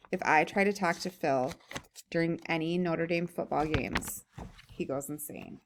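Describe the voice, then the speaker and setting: A woman's voice: on the low side, a little hiss or hum. A woman teacher reading a humorous story aloud, breaking off for chatty think-aloud comments and laughing while she reads.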